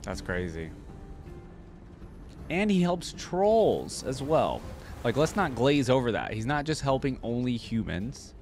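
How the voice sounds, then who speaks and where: A man with a mid-range, darkish voice hosts a reaction video, speaking at a measured pace in a sing-song way. He keeps up casual, slangy running commentary full of informal asides. Music from the video he's watching plays behind him.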